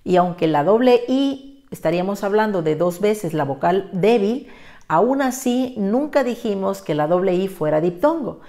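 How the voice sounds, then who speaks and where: A woman gives a methodical spelling lesson at a mid-range pitch. She is patient and clear, stretching out the example words syllable by syllable as she explains each step. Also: lively intonation, moderate pace, dark tone. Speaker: Spanish spelling teacher. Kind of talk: scripted lesson narration.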